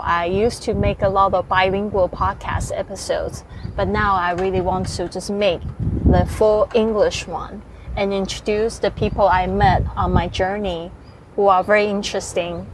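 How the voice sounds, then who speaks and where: A woman's voice: medium pitch, fairly even intonation, moderate pace, noisy background. A woman podcast host, not an English speaker, interviewing a guest at an art studio with friendly, hesitant restarts.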